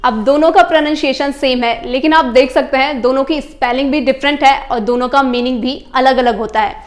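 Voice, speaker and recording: High-voiced woman teaching English. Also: fairly even intonation. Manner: slow, careful dictation of example sentences; spells words out letter by letter. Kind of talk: explaining English grammar to learners.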